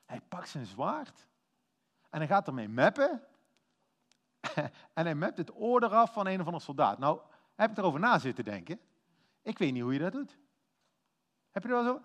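A man giving a lively, informal sermon, telling a story with acted-out quotes and quick self-corrections. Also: sits high. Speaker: preacher.

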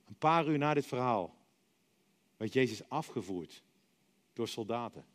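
Lively, dramatic male preacher. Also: medium pitch, a little slow. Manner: dramatic storytelling, acting out voices and dropping to soft, quiet endings. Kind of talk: sermon.

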